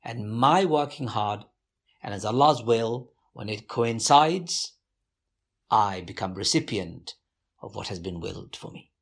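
A man giving a measured, earnest, devout answer in an interview. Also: lowish voice, expressive, gravelly, slightly rough.

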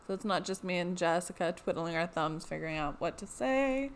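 A woman's voice: lowish voice, expressive, fairly quick, slight background noise. A young woman co-hosting a casual podcast, talking in a dry, teasing way. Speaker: podcast co-host.

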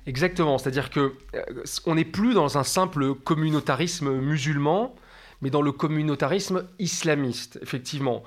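A man's voice: fairly high pitch, moderate pace. A man speaking as a guest expert in an interview, explaining in a didactic way and stacking up lists of examples.

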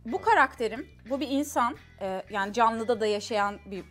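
A woman co-hosting a casual show, teasing the players with riddle-like clues and quickly turning down their wrong guesses. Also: fairly high pitch, expressive, a bit bright, faint music behind. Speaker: co-host. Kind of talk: casual chat, giving clues in a guessing game.

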